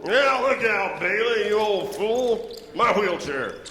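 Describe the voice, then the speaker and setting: A man's voice: high voice, animated, takes it slowly, sharp tone, exaggerated voice. A man acting a miserly old villain banker in a stage radio play, snappish and imperious. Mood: irritated. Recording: echoey hall with noise.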